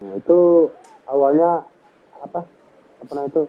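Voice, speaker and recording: A man's voice: on the high side, a little fast. A man interviewing over a phone call, asking short follow-up questions in a casual chat. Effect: heard over a phone or online call. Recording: phone-like narrow line.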